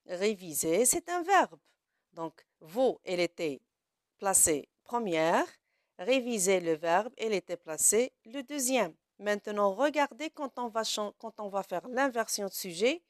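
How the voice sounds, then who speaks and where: A woman's voice: medium pitch, animated, unhurried, no room sound, studio quality. A woman teaching a grammar lesson to her pupils, asking questions and then answering them herself.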